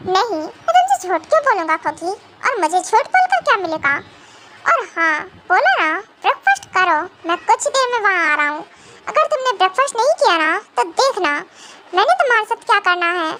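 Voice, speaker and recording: A woman's voice: very high voice, big pitch swings, brisk, heavy background noise. A young woman voicing a stern, possessive young mafia husband who scolds and coaxes his wife, in an amateur fan audio drama. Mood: coaxing.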